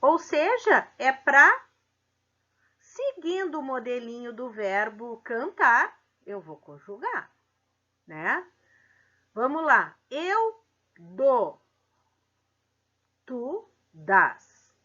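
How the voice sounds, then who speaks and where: A woman's voice: sits high, very animated, bright, forceful tone. A woman teacher, giving a grammar lesson and asking the class questions. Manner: slow, explanatory, asks the class questions. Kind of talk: grammar lesson for middle school. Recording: dull lo-fi sound.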